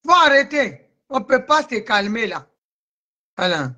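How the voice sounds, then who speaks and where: Bright-voiced, agitated woman ranting. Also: fairly high pitch, sing-song, unhurried. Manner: agitated, repeats herself, answers commenters by name. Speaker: livestream host. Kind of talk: heated live-stream rant.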